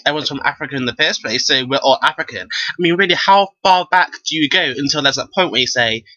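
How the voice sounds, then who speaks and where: Give me a sassy young man vlogging at home, with a sharp, bright, slightly high voice. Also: fast talker, muffled recording. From England. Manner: animated and sassy, often says "girl". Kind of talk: casual ranting to camera.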